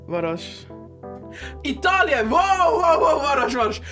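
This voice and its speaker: A young woman co-hosting a casual radio chat, excitable, laughing often and dropping in English slang. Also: sits high, measured pace, faint music behind. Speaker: radio show co-host.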